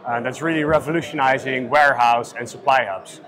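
A man's voice: mid-range voice, fairly even intonation, a little fast, a bit bright. Man in his 30s, upbeat promotional interviewer, lapel mic, trade-fair booth. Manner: upbeat, promotional, many "right?" tags.

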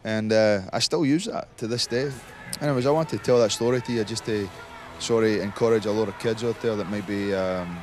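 Low-voiced man chatting outdoors. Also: fairly quick, hardly any pauses. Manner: relaxed, rambling with many fillers. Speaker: interviewed singer. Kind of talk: casual interview. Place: outdoors at a festival.

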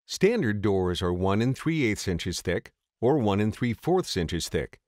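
A man reading a scripted voice-over for a step-by-step installation tutorial, in a steady, measured way. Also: fairly low pitch, dry recording, clean studio sound. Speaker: tutorial narrator.

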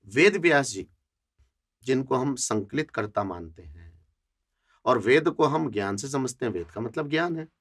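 A man's voice: mid-range voice, fairly bright tone. A middle-aged man in a religious discussion, earnestly reasoning and quoting scripture. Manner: earnest, reasoning, quotes Sanskrit verses. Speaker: panelist at a saints' conference.

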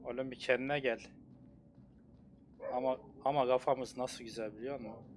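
A man giving let's play commentary as a gaming streamer, cursing and yelling at enemies. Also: mid-range voice, steady tone, moderate pace, a little hiss or hum. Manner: swears and yells at enemies.

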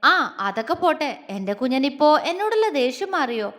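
A woman's voice: high-pitched, sing-song, normal speed, a bit bright. A woman voicing a young husband who teases playfully and grows stern when angry, heard in a reverberant room. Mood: tender teasing. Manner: playful coaxing, turning stern at times. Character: young husband, teasing, tender, quick-tempered.

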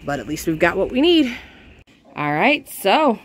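A woman's voice: mid-range voice, big pitch swings, measured pace, a little hiss or hum. A woman in her thirties casually narrating farm chores, explaining each step in a chatty, practical way, filmed on a handheld phone around a barn. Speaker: homestead vlogger. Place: barn and farmyard outdoors. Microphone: handheld phone camera.

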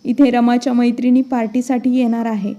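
A woman reads out a meek, submissive grown son who pleads. The voice is slightly high and level. It sounds mellow and unhurried. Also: flat delivery, highs cut off, natural voice. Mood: pleading. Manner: pleading reading.

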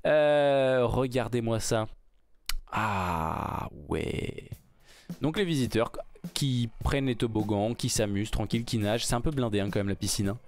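A man giving casual, excited commentary while reacting to a game trailer, rambling with many fillers and restarts. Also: mid-range voice, fairly quick. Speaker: gaming YouTuber reacting to a trailer.

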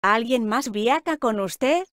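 A woman reading short travel phrases slowly, repeating each one word by word in a careful drill. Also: on the high side, lively intonation, a bit bright, no room sound, clean studio sound. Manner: slow, careful, clearly enunciated. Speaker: language teacher voice.

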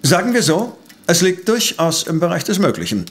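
High-voiced, pompous Professor Van Dusen. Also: male voice, sing-song, normal speed. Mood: analytical, assured. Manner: precise, pompous, analytical. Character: exacting, self-assured male professor and amateur sleuth. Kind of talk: German audio drama acting.

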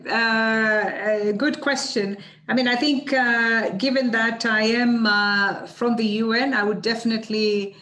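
A middle-aged woman from Tanzania answering seminar questions on a video call, measured and full of fillers. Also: medium pitch, fairly bright tone. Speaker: guest speaker, UN official. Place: office with banners behind. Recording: roomy video call audio.

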